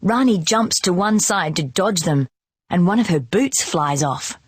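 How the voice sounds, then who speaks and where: A woman reading a children's storybook aloud in a slow, expressive, clearly paced delivery. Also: on the low side, no room sound, studio quality. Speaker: storybook reader.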